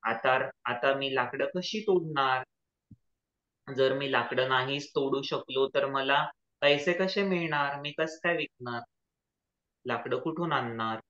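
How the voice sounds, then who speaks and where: A man's voice: medium pitch, slow pace, pushed and bright. A man doing a poor honest woodcutter. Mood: distressed. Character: poor honest male woodcutter, tearful then glad. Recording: echoey, slightly dull recording.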